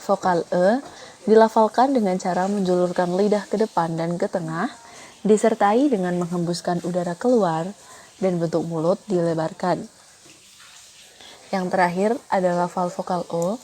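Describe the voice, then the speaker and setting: A woman reading out a phonetics explanation in a steady, methodical way, going through one item after another. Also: fairly low pitch, normal speed, slight background noise. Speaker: student presenter.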